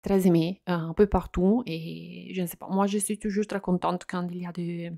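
A woman hosting a soft-spoken ASMR chat, speaking hesitantly in non-native French with slips and frequent fillers. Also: lowish voice, flat delivery, moderate pace, gravelly, no room sound, clean studio sound. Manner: hesitant, many fillers and restarts. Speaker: ASMR channel host.

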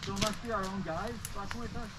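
A man chatting casually and excitedly with teammates as a player in an outdoor game. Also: high voice, fast talker, low-quality recording. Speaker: airsoft player. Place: outdoors in woods.

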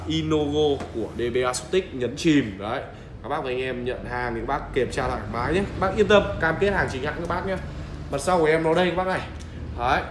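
Man, Northern Vietnamese accent, mid-pitched voice, hard-sell product pitch, insistent urging, echoey room. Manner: insistent, repetitive, urging buyers. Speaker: audio shop seller presenting a product. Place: indoor shop room with audio gear. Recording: roomy echo with faint background noise.

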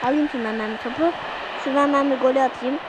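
A woman giving excitable let's-play commentary, shouting at the game and talking to her viewers. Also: high voice, quick pace, heavy background noise. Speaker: gaming channel host.

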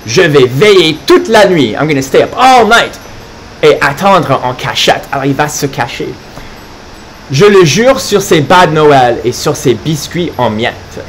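A man's voice: on the high side, slight background noise. Man reading a kids' story expressively. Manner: expressive, pauses to explain words in English. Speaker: French teacher for children. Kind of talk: live children's story read-aloud.

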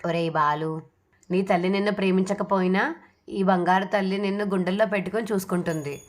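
A woman reading the part of a kind elderly grandmother who gently soothes and coaxes her family. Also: mid-range voice, steady tone, fairly quick, natural voice. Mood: soothing.

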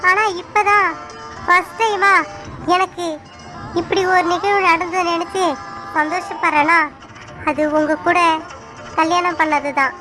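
A woman with a Tamil accent voicing a happy young bride in a cartoon, speaking gently and from the heart. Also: very high-pitched, fairly even intonation, measured pace, long pauses, music in the background, low-quality recording. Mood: fond.

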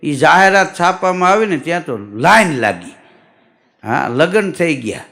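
A middle-aged man, telling folk comedy jokes and acting out the dialogue in lively fashion. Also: a little high, measured pace, gravelly. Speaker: stand-up comedian. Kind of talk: Gujarati folk comedy storytelling.

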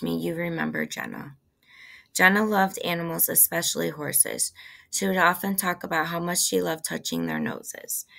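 Grieving young woman, measured, heartfelt, low voice, gravelly edge, read by a woman. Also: fairly bright tone.

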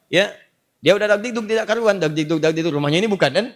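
A man's voice: high-pitched, quick pace. A male Islamic preacher telling a story in a sermon, acting out scenes and quizzing his audience with questions. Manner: animated, dramatizing, quizzing the audience.

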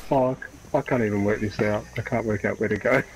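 A man chatting as a teammate in a shooter game, unhurried and a bit lost, asking where to go. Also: on the low side, steady tone. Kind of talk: casual gaming chat. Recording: noisy voice chat.

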